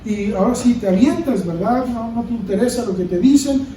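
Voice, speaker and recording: High-voiced preacher in an echoey hall. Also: male voice, lively intonation, fairly quick, mellow, far from the mic, slight background noise. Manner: preaching with rising emphasis and rhetorical questions. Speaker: pastor. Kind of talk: sermon.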